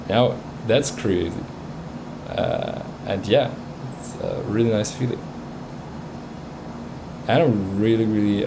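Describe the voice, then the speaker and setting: There's noise behind this lowish-voiced man, a music livestream host whose first language is Bosnian. He reviews tracks in casual chat, hesitating often and restarting amid many fillers.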